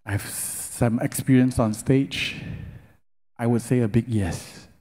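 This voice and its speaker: A man's voice: medium pitch, fairly even intonation, takes it slowly, mellow. A middle-aged man gives a sermon-style talk at a church lecture concert, leading the audience in call-and-response and stretching out key words with earnest emphasis. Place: large worship hall. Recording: long hall reverb.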